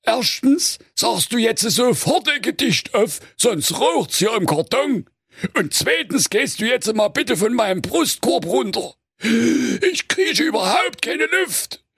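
Squawky comic wolf, gravelly and swooping, bossy and cranky, for a spoof fairy tale. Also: male voice, extremely high pitch, very animated, slow, a bit bright, no room sound, clean studio sound, voice pushed up, full character voice. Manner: squawking and bossy, snapping at his partner. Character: big bad male wolf, greedy, bossy and cranky.

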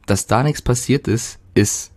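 A man's voice: medium pitch, measured pace. A man co-hosting a casual podcast, telling stories in a rambling way with many fillers and casual swearing. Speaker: podcast co-host. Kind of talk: casual chat.

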